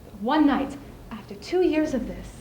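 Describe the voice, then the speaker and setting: On an indoor school showcase stage, a young adult student performer gives an animated dramatic monologue as a spirited, scheming widow. Her high, natural voice has a darkish tone, and she speaks emphatically with deliberate, theatrical pauses, in a reflective and wistful mood. Clear background noise fills the echoey room.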